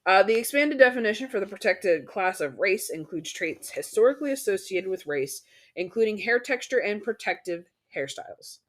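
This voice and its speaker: A podcast co-host in casual chat, lively, with sarcastic asides and casual swearing. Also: mid-range voice, normal speed.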